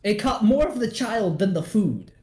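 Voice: medium pitch, normal speed. A young adult streamer chatting casually, telling a story and acting out the people in it. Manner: animated, acts out quoted people mid-story. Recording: echoey room with faint noise.

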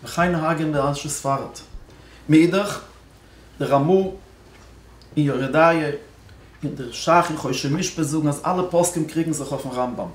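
A man, a rabbi, telling a religious story in a speech at a celebration, moving between loud stressed words and hushed low passages. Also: normal speed, long pauses, reverberant.

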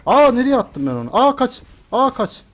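A man's voice: very high-pitched, sing-song, normal speed. A young man streaming a video game, muttering and cursing to himself, then shrieking in panic when chased. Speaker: gameplay streamer. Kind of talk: live game commentary.

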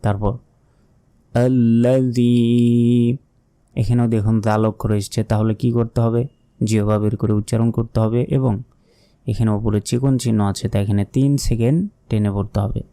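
A man with a Bangladeshi Bengali accent teaching Quran pronunciation, explaining each sound step by step and reciting the words in slow, drawn-out chant. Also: fairly low pitch, fairly even intonation, mellow.

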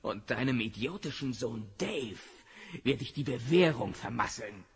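An actor playing a brutish, bullying rich husband in an audio drama, sneering and menacing. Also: male voice, mid-range voice, lively intonation, measured pace.

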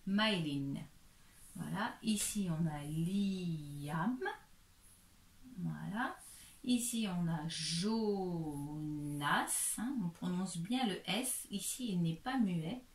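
Slow, patient woman teacher, echoey room. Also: on the low side, animated, darkish tone. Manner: patient, sounds out syllables slowly and clearly. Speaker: kindergarten teacher. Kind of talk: slow, careful reading lesson for a young child. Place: room at home.

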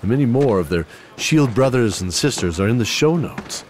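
A man plays a genial, folksy fantasy guide hosting an audio drama, welcoming and theatrical as he sends adventurers off, with hesitant asides. His mid-range voice is lively, slightly mellow and lightly acted at a normal pace, with music behind it and a little hiss or hum.

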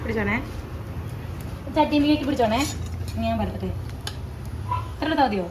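A woman's voice: fairly high pitch, animated, normal speed, background noise. A young woman chatting casually through a home cooking vlog in her kitchen, rambling and laughing often, recorded on a phone. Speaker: vlogger. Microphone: phone camera.

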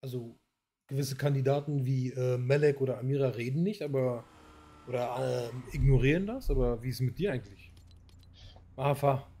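A male streamer chats casually over a game, teasing and joking crudely with friends. His voice sits at a middling pitch and often sinks into quiet mumbles. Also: normal speed. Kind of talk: casual gaming voice chat.

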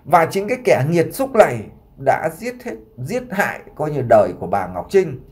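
A man's voice: on the high side, sing-song, moderate pace, a little mellow. A man voicing a dying young son, pleading. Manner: earnest, pleading. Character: gravely ill young man pleading for forgiveness.

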